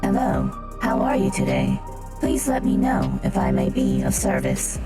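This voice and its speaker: Clangy robot voice changer. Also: female voice, rumbling low, measured pace, gravelly, voice pushed down, exaggerated voice. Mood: mechanical. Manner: flat, formal, mechanical delivery. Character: calm, dutiful robot officer voice. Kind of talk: reading game dialogue aloud. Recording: loud game music behind.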